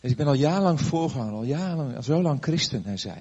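A man's voice: on the high side, expressive, fast, a little mellow, breathy edge, highs cut off. An older man, a pastor, giving a sermon before a live audience, telling a story conversationally with fillers and questions to the listeners.

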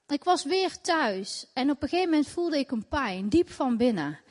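Woman, high-pitched, earnest emotional faith testimony, echoey hall with long reverb. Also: very animated, moderate pace, a little mellow. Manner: earnest, emotional storytelling with repeated phrases. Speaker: testimony speaker.

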